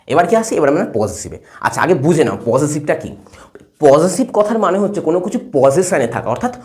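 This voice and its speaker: A man's voice: on the high side, a little fast. A man teaching English grammar at a whiteboard, explaining step by step and checking again and again that his students follow. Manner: lively, asks checking questions again and again. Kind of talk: classroom lesson at a whiteboard.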